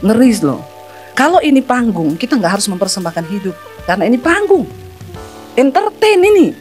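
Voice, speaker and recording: A middle-aged woman pastor delivers a sermon in a high voice, emphatic and scolding as she speaks straight to her congregation. Faint music plays behind her. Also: very animated, brisk, a little mellow. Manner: emphatic, scolding preacher addressing the congregation directly.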